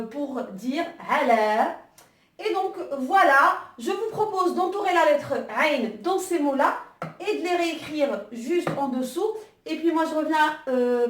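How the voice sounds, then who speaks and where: A woman teaching an online Arabic lesson, patient and unhurried, her explanations often broken by little hesitations. Her voice sits high, and it comes from a distance in a room with a noticeable echo.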